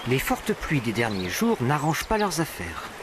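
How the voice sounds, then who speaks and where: A man's voice: medium pitch, wildly swooping pitch, normal speed, noisy background. A man reading scripted narration for a nature documentary. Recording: animal and bird sounds behind. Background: birdsong and natural ambience.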